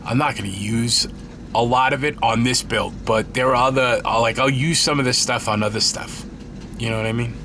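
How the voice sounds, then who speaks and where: Medium in pitch and steady in tone, this man speaks at a moderate pace over some background noise. He's stuffed up and congested, casually showing off a scale model build in a hobby tutorial, wandering off topic and fixing his own words as he goes.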